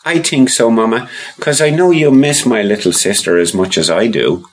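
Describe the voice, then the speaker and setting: A man's voice: mid-range voice, moderate pace, pitched above the performer's own voice, lightly acted, rough recording. A man voicing a young boy who is earnest and sweetly scheming, with a pleading, wheedling way of asking.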